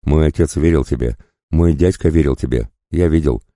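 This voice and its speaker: A man's voice: extremely low pitch, normal speed, warm tone, no room sound, studio quality. A man voicing a young prince, bitter and cold in his anger. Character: young boy prince, proud and vengeful.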